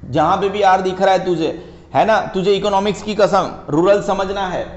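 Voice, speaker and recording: A man's voice: high voice, normal speed. A male economics tutor giving a playful classroom lecture, joking and teasing an imagined student and mixing English terms into his talk. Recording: echoey, dull lo-fi room.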